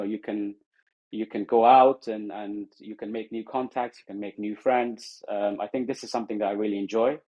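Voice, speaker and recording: Through a muffled social audio stream, a guest from Afghanistan speaks in a lowish, dark voice during a casual interview. He is hesitant, full of ums and restarts.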